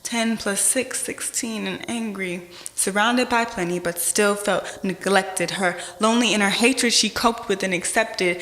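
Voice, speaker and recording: A woman's voice: medium pitch, a bit bright. Echoey spoken word poetry from a woman. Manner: dramatic rhythmic delivery with deliberate pauses and swells. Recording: echoey hall with long reverb.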